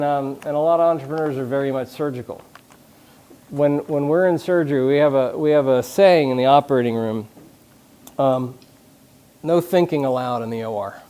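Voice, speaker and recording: A man's voice: a little high, mellow. A man speaking to a live conference audience about leadership, casual and joking, with frequent restarts and questions to the room. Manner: conversational, jokey, many restarts, asks the audience questions.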